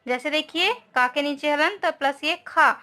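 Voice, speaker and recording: A woman teacher with a high, sharp voice speaks at normal speed while giving a grammar lesson to schoolchildren. She spells out each word, asks the class questions, and often adds a short tag question.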